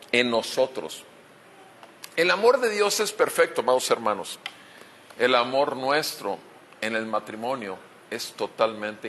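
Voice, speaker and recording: A man's voice: mid-range voice, a bit bright, a little hiss or hum. A man with a Mexican Spanish accent preaching a sermon as pastor, asking rhetorical questions and repeating key phrases.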